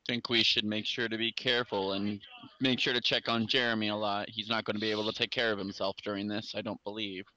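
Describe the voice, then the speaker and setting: A man's voice: on the low side, little pitch movement, fast talker, sharp tone, poor audio. A man playing a tabletop role-playing game, chatting casually in and out of character.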